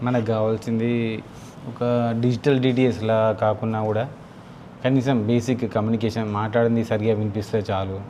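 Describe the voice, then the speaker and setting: Casually walking through a product he's unboxing and fitting, a Telugu-accented motovlogger thinks out loud in an offhand, unscripted way. He talks fairly quickly in a lowish, flat but warm voice, with a little hiss or hum on the recording.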